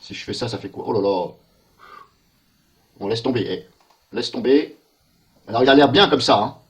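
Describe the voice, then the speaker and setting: A man narrating a screen-recorded software walkthrough, thinking aloud and muttering in puzzlement as he clicks through menus. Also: mid-range voice, moderate pace. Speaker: software tester.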